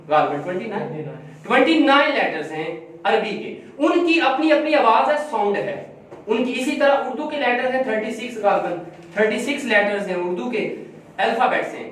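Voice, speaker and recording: Woman, teacher, phonics lesson, repeats and stretches words, strong room echo, distant mic. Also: high-pitched. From Pakistan. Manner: repeats words slowly, drawing out sounds. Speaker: school teacher. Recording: very echoey room, voice from far off.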